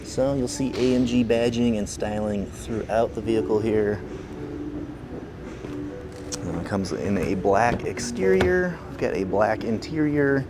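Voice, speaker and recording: A fairly low-voiced man who sells cars shows off a vehicle on the lot in a laid-back walkaround, his plain talk sprinkled with filler words. Noise fills the background.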